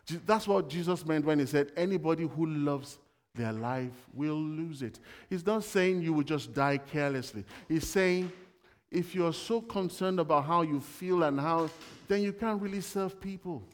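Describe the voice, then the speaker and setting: A man's voice: on the high side, normal speed, in a large hall. A man giving a sermon in a conversational way, telling everyday stories and asking the congregation questions. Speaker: preacher.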